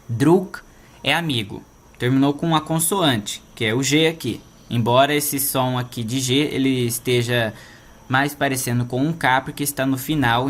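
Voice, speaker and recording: A man's voice: medium pitch, fairly bright tone. A man with a Brazilian Portuguese accent, teaching a language lesson online and explaining patiently, often checking in with his listeners.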